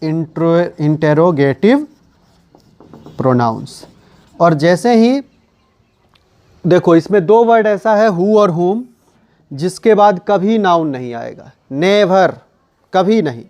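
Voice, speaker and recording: Man, grammar teacher, slow and deliberate, slightly high voice, quizzes himself aloud. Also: animated, warm tone. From India. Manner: slow explaining, repeats key words, asks and answers his own questions. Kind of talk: classroom lesson.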